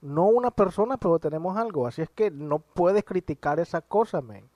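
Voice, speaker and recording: A man with a fairly high voice chatting on a podcast, quick to argue and act out lines from a show. The sound is dry and close, with no room around it. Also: dry recording, lo-fi sound. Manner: animated, argumentative, retells scenes with quoted lines. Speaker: podcast co-host. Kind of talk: casual chat.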